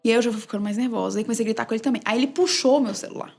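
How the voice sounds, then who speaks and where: A woman sports journalist and narrator, a guest telling a story with quick, emphatic energy in a casual interview. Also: on the high side, gravelly, darkish tone.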